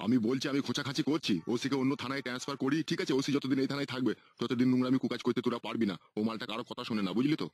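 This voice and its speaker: Guy doing a crooked cartoon politician, bossy, talks super fast, dry sound. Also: mid-range voice, fairly even intonation, no room sound, lightly acted. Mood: scheming. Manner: explaining plots patiently, talks down. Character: corrupt male politician, scheming and bossy.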